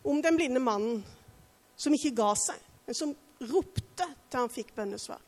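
A woman's voice: sits high, expressive, in a large hall. A woman preaching a sermon in an earnest way, asking the listeners direct questions.

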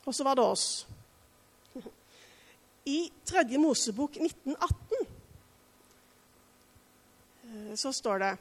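A woman's voice: high voice, expressive, long pauses, slightly rough, in a large hall. A woman preaching a sermon in an earnest way, asking the listeners direct questions.

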